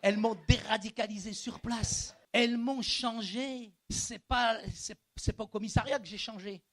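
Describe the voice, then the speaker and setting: A male pastor preaching a sermon in a church, animated and colloquial, moving from hushed lines to shouting. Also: sits high, moderate pace. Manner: colloquial street slang.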